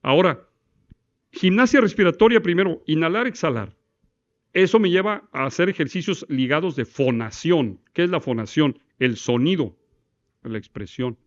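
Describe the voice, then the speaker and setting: A Mexican law course instructor gives a classroom lecture on voice technique, demonstrating breathing and diction exercises, quizzing his students, and reciting verse in a single breath. His voice is a little high with lively intonation and a moderate pace, and the recording cuts off the highs.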